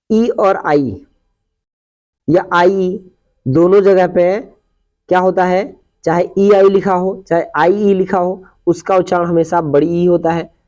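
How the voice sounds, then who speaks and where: Slow, high-voiced male teacher. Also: mellow. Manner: explains step by step, repeats example words slowly. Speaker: English teacher. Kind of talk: classroom pronunciation lesson. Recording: dull lo-fi recording.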